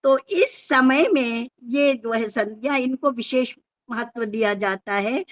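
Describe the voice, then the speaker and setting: A woman giving a formal, measured lecture on scripture, explaining step by step and sometimes restarting words. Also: a little high.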